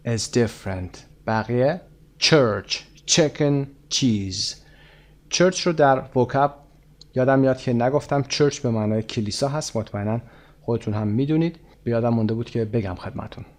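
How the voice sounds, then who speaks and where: A man with a Persian accent teaching from an English textbook. He says the English words slowly and carefully, then explains them quickly in Persian. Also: medium pitch. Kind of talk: recorded textbook lesson.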